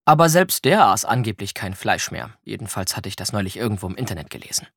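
A man narrates a children's novel, expressive and vivid. His voice is slightly husky, with a lively pitch, recorded dry and close. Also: fast, dry recording. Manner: expressive storytelling. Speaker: audiobook reader. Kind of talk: scripted narration.

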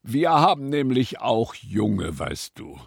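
A man's voice: mid-range voice, sing-song, slow pace, vocal fry, slightly rough, dry recording, studio quality, voice pushed up, heavily acted. A man voicing a curious, friendly young rabbit in a storybook reading.

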